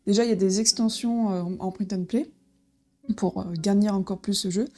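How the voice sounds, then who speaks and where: A woman's voice: mid-range voice, fairly even intonation, moderate pace, mellow. A woman casually presenting a board game as she unboxes it, with frequent fillers and restarts. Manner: hesitant, many fillers and restarts.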